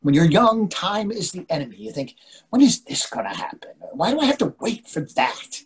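An older man with a high, rough-edged voice reads the part of an anxious, bossy husband in a long marriage for a readers theatre play, his pitch swinging widely at a normal pace in a heavily acted delivery. He sounds fretful, needling and full of questions, with an exasperated, wry mood. The reading takes place indoors over a video call.

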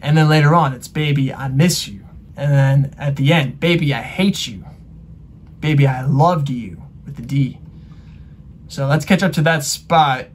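A man hosting a reaction channel, casually explaining song lyrics in a relaxed way full of fillers. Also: mid-range voice, unhurried, slight background noise. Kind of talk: casual music reaction commentary.

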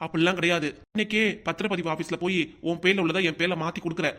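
Hot-tempered cartoon husband, voiced by a performer; southern Tamil Nadu accent, fast and demanding. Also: mid-range voice, steady tone, fairly bright tone, close to an everyday voice. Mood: aggrieved. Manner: demanding, quarrelsome. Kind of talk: cartoon comedy sketch acting.

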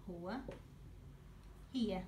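A woman teaches a language lesson very slowly, pausing after every word and going over each form again. Her voice sits in an ordinary middle pitch. It is heard from a few steps away in a roomy space with a faint hiss. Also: warm tone, recorded from a distance. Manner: repeats each word slowly, spells out sounds. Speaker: Arabic teacher.

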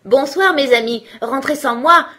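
A woman's voice: fairly high pitch, moderate pace, slightly rough. A woman voicing a tiny clever boy who is cheerful and bold, calling out eagerly in a storybook. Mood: cheeky.

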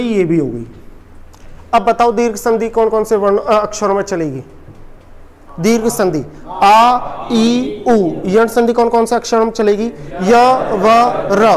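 Man, teacher, call-and-response classroom drilling, raised voice. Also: high-pitched. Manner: quizzes students repeatedly, answers his own questions. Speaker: Hindi teacher. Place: coaching classroom.

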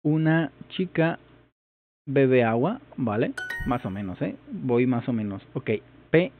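This is a man vlogging his first try at a new language, offering hesitant, casual commentary as he thinks aloud and repeats phrases to work them out. His medium-pitched voice is expressive and slow, with no echo, though the sound is tinny like a phone.

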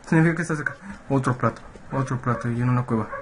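A man's voice: mid-range voice, rapid-fire, noisy background. A man with a Mexican accent commentating a horror game at his computer, jittery and swearing, yelping when startled. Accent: Mexican Spanish. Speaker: gaming video creator. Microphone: webcam and computer mic.

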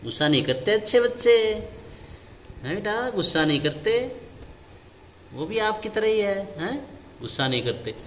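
A man's voice: high voice, sing-song, moderate pace, pauses often, a bit bright, big-room sound, slight background noise. A man filming his pet parrots at home, talking to them in coaxing, sing-song baby talk. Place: inside a home.

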